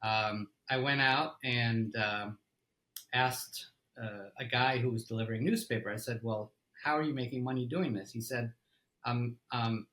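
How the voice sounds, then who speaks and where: An Egyptian company CEO in middle age tells his story as an interview guest, relaxed and full of fillers and restarts. He speaks unhurriedly in a mid-range voice, and the audio is poor.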